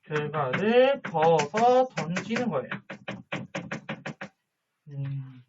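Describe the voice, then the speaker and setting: A man teaching a high school social studies lesson in a casual, rambling way, with a Daegu Gyeongsang accent. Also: very animated, extremely slow, dull audio, noisy background. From Daegu, South Korea. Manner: chatty, rambling, addresses students informally. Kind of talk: casual online lecture.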